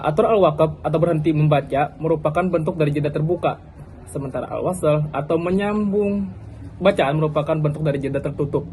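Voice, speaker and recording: A man's voice: fairly high pitch, a little mellow, slight background noise, poor audio. A young man giving a casual student class presentation, chatty, with frequent fillers and restarts.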